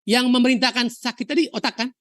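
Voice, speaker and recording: A woman from Indonesia teaching a university histology lecture, telling lively stories, asking rhetorical questions and dropping in English terms. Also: fairly high pitch, fast talker, no room sound, clean studio sound. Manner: mixes English terms into explanation.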